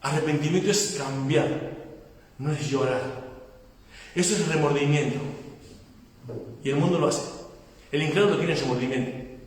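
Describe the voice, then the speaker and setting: A man preaches a sermon, high for a man and emphatic, calling his listeners brother. His voice comes from a distance in a church hall with a long, heavy echo. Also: moderate pace, long pauses. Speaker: pastor. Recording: echoey hall, mic far off.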